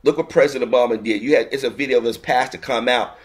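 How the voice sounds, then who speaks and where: Fast and medium-pitched, a man delivers angry video commentary, ranting indignantly and repeating himself. He frequently restarts his sentences mid-thought.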